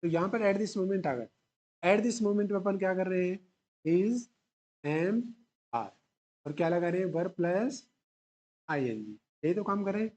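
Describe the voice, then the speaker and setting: Lively in intonation yet slow and often pausing, this man's darkish voice sits high. An English teacher, he lectures at a whiteboard for an exam, putting questions to the class, answering them himself and repeating key words, with English grammar terms mixed into his Hindi.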